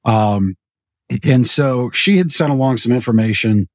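A man co-hosting a podcast, making relaxed, chatty announcements and asking questions. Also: mid-range voice, a little slow, no echo. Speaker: podcast co-host. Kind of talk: casual show chat.

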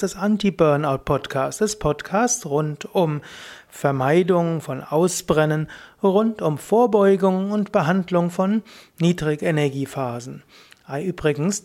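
A man hosting a self-help podcast, speaking slowly and calmly, repeating key phrases. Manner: slow, measured, repeats phrases, shifts between higher and deeper voice to demonstrate. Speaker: podcast host. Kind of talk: calm guided self-help talk.

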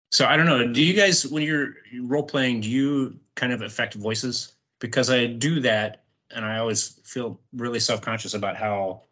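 A man on a casual podcast call speaks in a bright, forceful tone with a middling pitch. He talks haltingly, filling gaps with ums and uhs as he works through his thoughts. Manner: hesitant, lots of ums and uhs. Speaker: podcast co-host.

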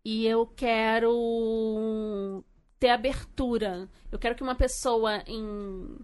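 A woman's voice: fairly high pitch, steady tone, slow pace, a little mellow. A woman co-hosting a podcast, chatting casually and telling stories. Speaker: podcast co-host. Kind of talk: casual chat.

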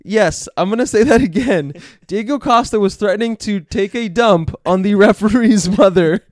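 A man co-hosting a casual soccer podcast, animated and swearing freely. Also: high-pitched, normal speed, no room sound, studio quality. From Brazil. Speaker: podcast co-host. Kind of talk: casual chat.

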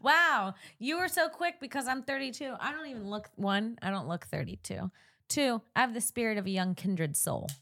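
A woman's voice: on the high side, animated, normal speed, sharp tone. Woman in her 30s from florida hosting a comedy pod, brash and sarcastic, cracks jokes nonstop. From Florida, United States. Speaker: comedian podcast host. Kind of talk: comedic casual chat.

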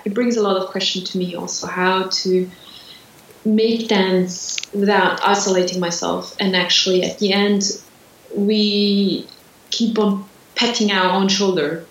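A woman from Switzerland, a dancer, answering interview questions reflectively, pausing often with fillers and restarts. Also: medium pitch. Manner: hesitant, many fillers and restarts. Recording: roomy, distant from the mic.

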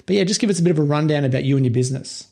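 Higher-pitched man, mellow tone. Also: very fast, vocal fry. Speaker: podcast host, interviewer. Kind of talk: conversational podcast interviewing.

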